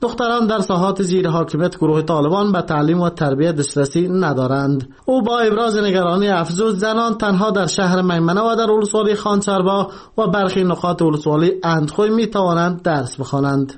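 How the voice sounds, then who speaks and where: A man's voice: high voice, hardly any pauses. A man with an Afghan accent reading a scripted news report as a radio reporter.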